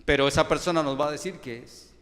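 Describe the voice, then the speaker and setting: A man with a Colombian accent preaching a sermon as pastor, asking many rhetorical questions, his loudness rising and falling. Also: a little high, quick pace. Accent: Colombian Spanish. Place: church hall. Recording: long church hall reverb.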